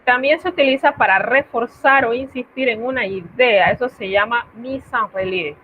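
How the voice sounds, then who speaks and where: A woman's voice: on the high side, normal speed. A woman teaching French to her students in an online class, explaining patiently in Spanish and checking in with her students. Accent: Latin American Spanish. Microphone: video call. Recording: tinny phone-like line, faint noise.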